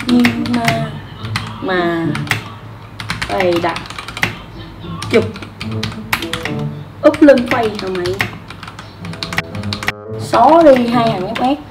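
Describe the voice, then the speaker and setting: A woman's voice: high-pitched, very animated, a little fast, long pauses, poor audio. A woman voicing a cocky, mischievous young boy who mocks and taunts. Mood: mocking. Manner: mocking, taunting. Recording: loud music behind.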